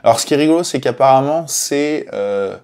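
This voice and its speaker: A game publisher with a brisk, clear, resonant mid-range voice casually recounts the mythology behind a board game. He's chatty and full of fillers, lively in tone, and hits each new name with extra emphasis.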